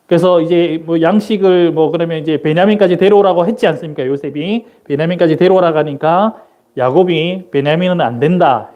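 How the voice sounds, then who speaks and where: A man delivers an interactive Sunday sermon in a church. His voice sits high and swings widely in pitch. He quizzes the listeners, then answers his own questions on the microphone. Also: a little mellow, highs cut off. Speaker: missionary preaching. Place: church sanctuary during a service.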